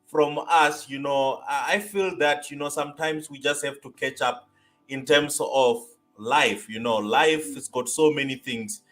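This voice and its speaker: A man's voice: mid-range voice, measured pace, fairly bright tone, faint music behind. A man hosting a casual interview over a video call, rambling with a lot of "you know" and repeated "wow". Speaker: host.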